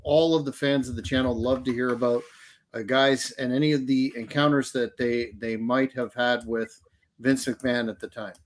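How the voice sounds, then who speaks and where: Halting male interviewer. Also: medium pitch, steady tone. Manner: hesitant, many uh fillers. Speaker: interviewer, host. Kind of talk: interview questions.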